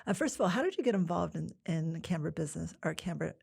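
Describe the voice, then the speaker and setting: A woman's voice: low voice, expressive, very fast, creaky, darkish tone, breathy edge. A woman hosting a podcast, asking her guest curious, conversational questions. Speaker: podcast host. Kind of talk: podcast interview.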